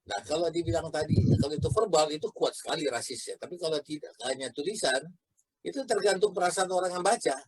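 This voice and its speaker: A man's voice: a little high, fast, slightly rough, no room sound, rough recording. A man talking in a reflective, casual discussion and telling anecdotes as host. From Medan, Indonesia. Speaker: talk show host, former editor.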